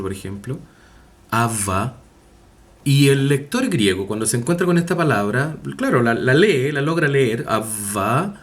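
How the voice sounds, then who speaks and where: A man giving a recorded university class, talking with many fillers, self-corrections and rhetorical tag questions. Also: mid-range voice. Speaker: university lecturer. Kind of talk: recorded online class lecture.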